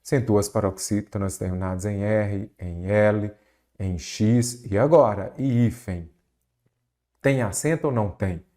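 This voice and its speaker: A man's voice: lowish voice, a little slow, dark tone. A man with a Brazilian Portuguese accent teaching an exam-prep grammar lesson, quizzing the listener with rhetorical questions.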